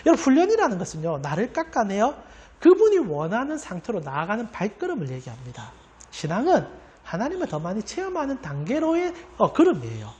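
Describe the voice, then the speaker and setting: A woman's voice: mid-range voice, huge pitch swings, brisk, darkish tone, highs cut off. A woman pastor preaching a sermon in an earnest, emphatic way, often turning to address the congregation directly.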